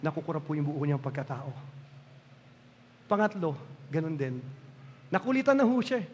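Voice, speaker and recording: A man's voice: a little high, lively intonation, normal speed, breathy edge, in a large hall. A male pastor preaching a sermon, emphatic and repetitive, slipping English phrases into his talk. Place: church hall.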